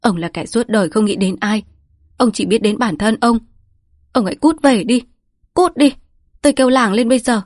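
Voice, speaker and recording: A woman's voice: on the high side, normal speed, pauses often, darkish tone, no echo, clean studio sound, voice pushed up, close to an everyday voice. A woman voicing a fierce middle-aged village widow who scolds and threatens sharply. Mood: furious.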